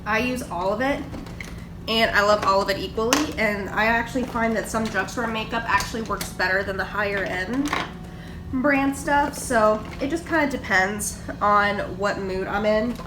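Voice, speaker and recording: This Georgia-based beauty vlogger, a young woman with a cold, walks viewers through her makeup at the kitchen table in a relaxed get-ready-with-me chat. She explains each product with plenty of fillers, speaking at medium pitch and a moderate pace, while the recording picks up echo, background noise, and a far-off mic.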